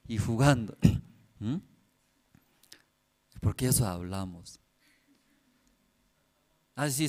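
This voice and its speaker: A man preaching a sermon as pastor, telling a story in simple phrases and checking in with the listeners through constant tag questions. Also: medium pitch.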